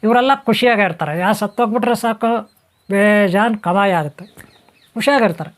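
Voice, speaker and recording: High-voiced man giving a spiritual talk. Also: a little fast. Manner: repetitive, rhetorical questions, lists. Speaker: spiritual teacher. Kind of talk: spoken talk on spiritual topics.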